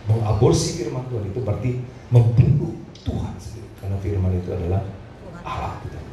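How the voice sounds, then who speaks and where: A man's voice: lowish voice, fast, dark tone, slight background noise. A man preaching a sermon to a congregation, telling a personal story and laughing between phrases. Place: church hall. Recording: echoey hall, voice from a distance.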